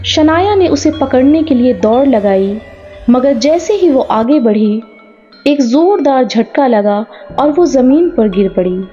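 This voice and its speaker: A woman narrating a scripted horror story in a slow, measured way. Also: high voice, lively intonation, warm tone. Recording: dull lo-fi sound with faint music.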